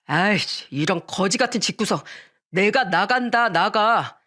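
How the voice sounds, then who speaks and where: A woman's voice: mid-range voice, animated, unhurried, fairly bright tone. Woman playing a surly, dismissive husband. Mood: irritated. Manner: curt, dismissive, grumbling. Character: surly lazy middle-aged husband, male.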